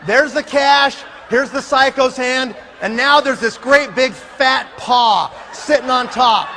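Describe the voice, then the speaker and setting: Man, comic storyteller on stage; bright, sharp voice, faint room noise behind. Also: very high-pitched. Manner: animated, laughing, acts out scenes. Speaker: speaker. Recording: long hall reverb, faint room noise.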